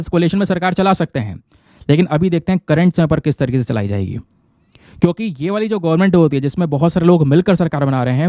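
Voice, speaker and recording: A man's voice: on the high side, warm tone, no room sound. A man teaching current affairs to exam students in a chatty way, often checking with his viewers. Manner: conversational, keeps checking with listeners. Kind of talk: explaining news to exam students.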